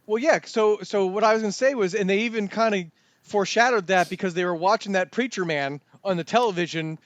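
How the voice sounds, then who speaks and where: A man's voice: high voice, a little fast, dry recording. A man co-hosting a podcast, chatting eagerly about a film with lots of restarts and filler words. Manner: eager, rambling, with many likes and restarts. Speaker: podcast co-host. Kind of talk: casual movie discussion.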